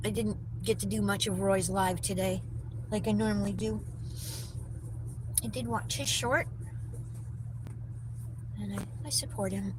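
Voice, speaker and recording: A woman's voice: mid-range voice, fairly even intonation, measured pace, pauses often. A woman chatting casually to her viewers on a phone livestream while she drives, answering their comments as she goes. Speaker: vlogger livestreaming while driving. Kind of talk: casual live chat to viewers. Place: in a car on the road. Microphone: phone mounted in the car. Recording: loud car and road noise.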